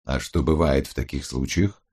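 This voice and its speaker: A man voicing a calm, terse male criminologist in an audiobook, speaking low and level. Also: normal speed, breathy edge. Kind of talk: audiobook character voice.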